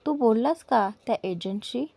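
A woman's voice: a little high, animated, normal speed, vocal fry, dark tone. Bossy young woman in an audio story, curt and demanding, narrator putting her on.

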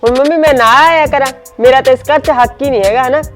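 A woman's voice: high-pitched, quick pace, faint music behind, lightly acted. A woman playing a sulky, demanding married daughter with an Indian Punjabi accent in a family drama. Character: petulant married daughter, young adult. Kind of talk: amateur village family drama.

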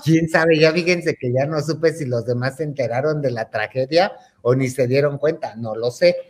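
A man's voice: medium pitch, moderate pace. A man telling a gossip story in a campy, theatrical way, calling his listeners "hermanitas". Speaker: host.

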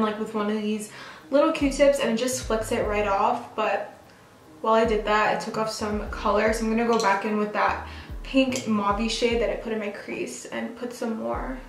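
A young woman from New York, a beauty vlogger, chats casually in her home bathroom while doing her makeup for a get-ready-with-me video, saying "like" constantly. Her voice is a little high with fairly even intonation and a moderate pace. The room is echoey and the audio quality is poor.

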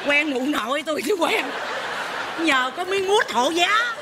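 An actress playing a greedy, brash widowed mother, loud and joking on a theater stage. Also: high voice, expressive, unhurried, a loud crowd. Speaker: mother in a stage comedy sketch. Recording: live stage audio with noise.

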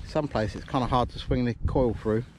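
Out in an open field, a middle-aged metal detecting vlogger gives casual commentary in a matey, colloquial style. His voice sits at medium pitch and moves fairly quickly. Wind noise comes through on his action camera recording.

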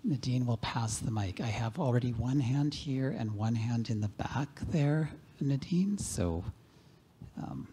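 A middle-aged man moderates an audience Q&A on a lecture-hall stage, relaxed and a little halting. His voice is dark and mellow. Faint room ambience sits under his handheld mic. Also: medium pitch, slight background noise. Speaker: event moderator. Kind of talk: casual moderating. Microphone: handheld microphone.

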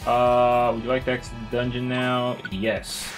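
A man's voice: medium pitch, completely flat delivery, normal speed. Joking young man playing a game. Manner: casual, crude, joking, puts on voices for characters. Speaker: let's play gamer. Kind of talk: reading game dialogue aloud with commentary. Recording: game music playing behind.

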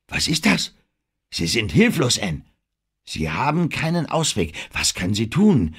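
A man's voice: medium pitch, big pitch swings, a little slow, slightly rough, voice pushed up, exaggerated voice. A man voicing a driven male film director who urgently coaches an actress through a scene in an audiobook. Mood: insistent. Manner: commanding, urgent, rising to shouts.

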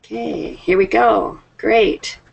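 A woman in her fifties teaches English to students over a video call, captured by her webcam indoors at home. Her medium-pitched voice is slow, gravelly, husky, and somewhat dark, and she keeps the class patient and friendly with frequent laughter. The highs in the audio are cut off.

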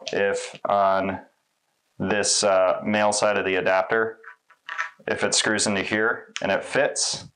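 Man, thirties, fairly low voice, relaxed chatty instructions, lapel mic. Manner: relaxed, conversational, with fillers. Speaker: installation demonstrator. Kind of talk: casual how-to walkthrough. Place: small indoor laundry room.

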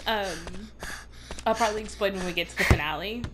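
A woman's voice: mid-range voice, fairly quick, heavy background noise. A woman co-hosting a let's play in casual gameplay commentary, chatty and rambling, with game music behind.

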